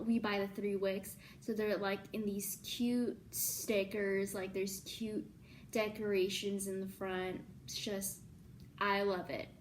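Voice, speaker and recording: Chatty young woman with a slow, easy delivery. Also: mid-range voice, a little hiss or hum. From born in Libya, Filipino. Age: 20s. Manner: chatty, lots of ums and likes, excitable. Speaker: YouTuber. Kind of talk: casual facts vlog.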